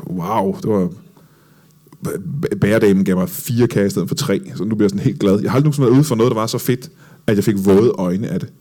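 A man hosting a live podcast, telling self-mocking stories in a deadpan way. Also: on the low side. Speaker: podcast host. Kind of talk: casual live podcast chat.

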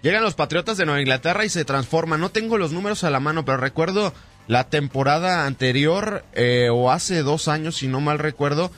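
A man hosting a sports radio show, giving a brisk rundown of results and interviewing a guest. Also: on the high side, fairly bright tone, faint music behind.

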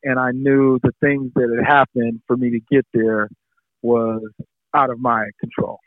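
Middle-aged man, guest storyteller, animated, acts out voices, phone-quality audio, dry. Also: mid-range voice, unhurried, no room sound. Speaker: former pro football player, guest. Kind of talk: casual storytelling in an interview. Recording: tinny phone-like line, dry.

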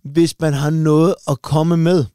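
A man's voice: on the high side, level tone, warm tone, clean tone, dry recording, clean studio sound. A man co-hosting a comedy podcast, chatting casually and acting out quoted voices in his anecdotes. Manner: acts out quoted voices in storytelling.

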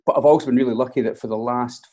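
A man's voice: mid-range voice, steady tone, rapid-fire, darkish tone. A middle-aged man with a broad Scottish accent, chatting casually as an interview guest. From Scotland. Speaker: interview guest, scientist and kayaking coach.

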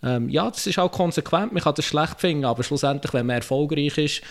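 A man's voice: on the high side, fairly quick, gravelly. A man with a Swiss German accent arguing casually as a panellist, hesitating and often tagging his statements with a question. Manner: ends statements with tag questions, hesitant phrasing. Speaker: football panellist. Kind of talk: casual discussion.

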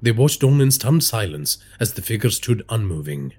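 Brief: a male horror storyteller with a husky voice and dramatic delivery. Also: lowish voice, moderate pace, faint music behind. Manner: dramatic storytelling with lively inflection. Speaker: narrator. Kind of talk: scripted horror narration.

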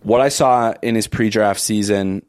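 Hoarse, deep-voiced man. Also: fairly even intonation, darkish tone, slight background noise. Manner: halting, many restarts. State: hoarse from a cold. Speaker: podcast guest. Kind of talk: casual chat.

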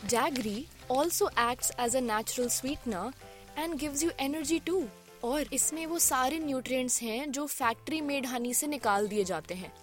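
A high-pitched woman with a North Indian accent co-hosts a cooking show. Her talk is scripted yet casual and expressive, flipping between Hindi and English, with light music underneath. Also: very fast. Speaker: co-host of a cooking podcast.

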